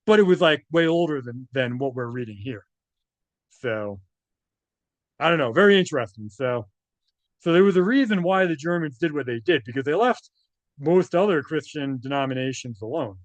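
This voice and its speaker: A man with a fairly high, animated voice reads documents aloud at a moderate pace, tossing in casual off-the-cuff remarks. He keeps checking in conversationally, often ending statements with "right?" The audio is dull but has no echo.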